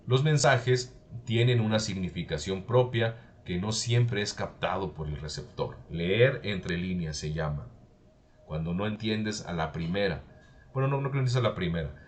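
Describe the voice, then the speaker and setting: A male teacher lecturing a class, explaining step by step and often checking in with a quick "¿sí?". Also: sits low, slight background noise.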